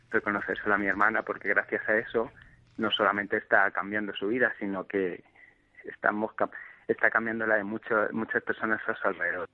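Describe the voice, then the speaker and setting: A man's voice: lowish voice, dry recording. A man calling in to a radio show over the phone, speaking earnestly and hesitantly, with many fillers and restarts. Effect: heard over the phone. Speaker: radio call-in listener. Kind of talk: heartfelt phone-in comment. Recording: dull, dry phone line on radio.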